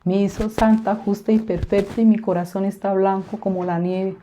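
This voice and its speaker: A woman's voice: mid-range voice, level tone, moderate pace, warm tone, a little hiss or hum. A woman giving a fervent religious testimony to a congregation, repeating herself often and calling her listeners brothers.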